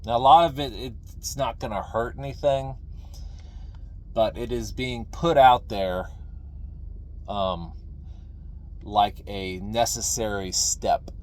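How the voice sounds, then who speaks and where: A middle-aged man talking casually and ramblingly to viewers, folksy and opinionated, halting and repeating phrases for emphasis. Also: lowish voice. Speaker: video creator, veteran pipe smoker. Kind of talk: casual rambling talk to camera.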